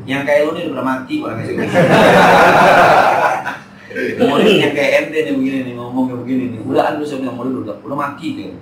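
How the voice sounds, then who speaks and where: A man's voice: medium pitch, very fast, few pauses, over a noisy crowd. Echoey far-off mosque preacher, man in forties. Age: 40s. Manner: chatty, jokey, slangy Jakarta talk. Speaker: Islamic teacher. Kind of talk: religious study talk. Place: mosque hall.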